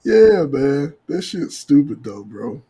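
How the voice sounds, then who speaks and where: Telling comic stories among friends, an American man hosting a podcast acts out what people said, animated, profane and full of slang. His voice is a little high and husky, and his pace is slow.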